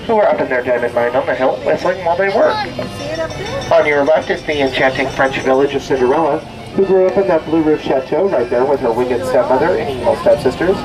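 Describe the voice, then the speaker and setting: Higher-voiced man giving theme park ride spiel. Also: far from the mic, poor audio. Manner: theatrical storytelling with puns and drawn-out words. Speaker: theme park boat ride skipper and storyteller. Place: outdoors on a tour boat.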